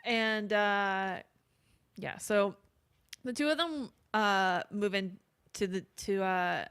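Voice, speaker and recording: A woman co-hosting a true-crime podcast, talking loosely with plenty of "um" and "uh". Her voice sits in an ordinary middle pitch. She slips into short quoted lines as she tells the story. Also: slow, a bit bright, clean tone. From not from England. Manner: conversational, many fillers and quoted asides. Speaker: podcast co-host. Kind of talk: casual true-crime chat.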